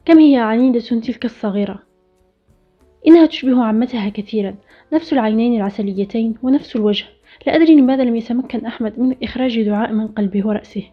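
A woman narrating a story in the first person, reading a steady scripted account. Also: fairly high pitch. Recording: dull lo-fi recording with faint music.

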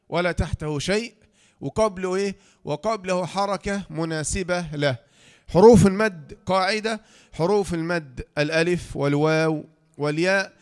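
A man with an Egyptian accent teaching a tajweed lesson, who asks the class questions, answers them himself, and slowly draws out the example sounds. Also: sits high, smooth. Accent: Egyptian Arabic. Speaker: Quran recitation teacher.

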